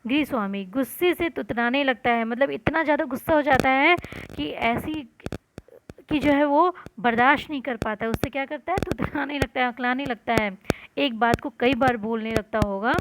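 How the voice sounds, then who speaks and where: A woman's voice: high-pitched, moderate pace, background noise. A woman teacher explaining a story lesson to students, glossing words and repeating lines. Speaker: school teacher.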